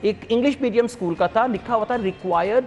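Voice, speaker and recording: A man's voice: very high-pitched, quick pace, a little mellow, lo-fi sound, soft background music. A man, an English teacher, explaining patiently in a studio interview and slipping English phrases into his speech. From Pakistan.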